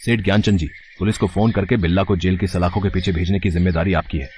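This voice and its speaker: A man's voice: low voice, steady tone, quick pace, a little mellow, slight background noise, natural voice. A man voicing an upright young village man in a cartoon story, firm and earnest.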